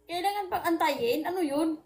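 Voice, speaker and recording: A woman's voice: extremely high pitch, normal speed, darkish tone. A woman co-hosting a casual livestream, bickering with her partner in a mock-irritated way. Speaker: livestream co-host.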